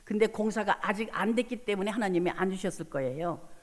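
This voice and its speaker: A woman's voice: medium pitch, fast talker. Woman preacher, fervent testimony in a reverberant hall. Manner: retells conversations, rising to fervent prayer. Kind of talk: revival sermon testimony. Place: church sanctuary.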